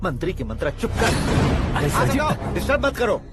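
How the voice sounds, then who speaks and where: A man's voice: high voice, very animated, unhurried, over loud music. An actor playing a vain, theatrical wannabe film star who mocks his relatives in a dubbed film. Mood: mocking. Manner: theatrical, mocking. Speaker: would-be actor, minister's relative. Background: film score.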